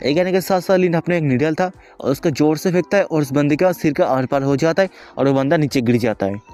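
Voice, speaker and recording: A man narrating an anime story recap in casual Hindi-Urdu, rapid and chatty, often starting lines with "so". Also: on the high side, a little mellow, faint music behind. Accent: Hindi-Urdu speaker, mixes in English words. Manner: rapid, chatty, keeps repeating "so".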